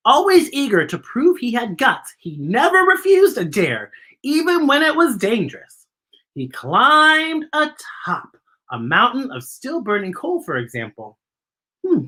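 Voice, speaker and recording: A woman with a slightly high, somewhat bright voice leads a children's story time. She reads a picture book aloud playfully and theatrically, adding chatty asides to her young listeners.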